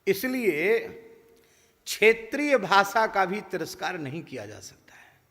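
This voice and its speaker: A man's voice: high-pitched, big pitch swings, measured pace, fairly bright tone, in a large hall. A man giving a devotional discourse, telling stories and mimicking village characters in their voices. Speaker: spiritual teacher.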